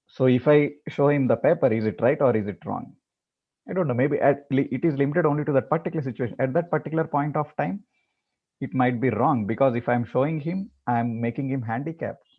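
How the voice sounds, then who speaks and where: A man teaching a meditation class, talking in a halting way with many repeated words and fillers before leading the practice. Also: mid-range voice, phone-quality sound. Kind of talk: talk before guided meditation.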